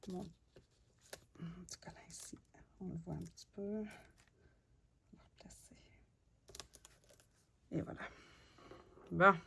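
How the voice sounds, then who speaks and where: A woman with a Québécois French accent teaching card making, murmuring half to herself as she works and slipping into soft asides. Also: a little high, a little hiss or hum. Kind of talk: crafting tutorial narration.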